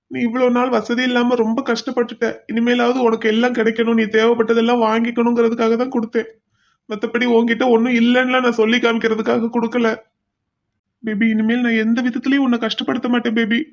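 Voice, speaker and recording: A man's voice: extremely high pitch, gravelly. A man voicing a remorseful cartoon lover. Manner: soft, pleading, repeats "baby". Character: remorseful young man apologizing to his beloved. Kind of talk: cartoon voice acting.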